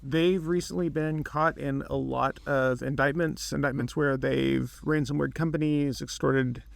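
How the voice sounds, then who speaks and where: A man co-hosting a podcast, chatting in a relaxed, agreeable way. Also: a little high, measured pace, gravelly, no room sound. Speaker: guest co-host. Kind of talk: casual chat.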